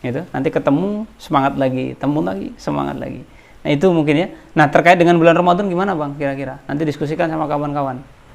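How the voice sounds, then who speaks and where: A man teaching an informal religious study session, chatty and direct, often addressing his listeners as sir, with lively rises and drops in his voice. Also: fairly high pitch, fast talker, vocal fry. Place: outdoors on a palm oil plantation.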